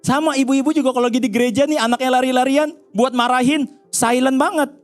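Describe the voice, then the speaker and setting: A male pastor delivers a sermon in a casual, conversational storytelling style, talking straight to his listeners. His voice sits high for a man. Faint music plays behind him. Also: fairly even intonation, fast talker. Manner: chatty storytelling, repeatedly addressing the congregation.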